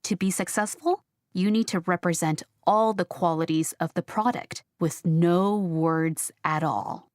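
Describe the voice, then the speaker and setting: Woman, lowish voice, textbook interview, clear explanatory delivery, dry close sound. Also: measured pace, no room sound. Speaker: graphic designer interviewee.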